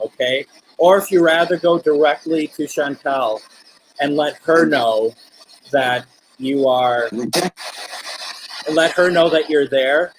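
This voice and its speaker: A man hosting a live spirit-communication session, speaking in gentle, coaxing questions with pauses between them. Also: mid-range voice, slight background noise, rough recording. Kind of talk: live-streamed seance, addressing spirits and viewers.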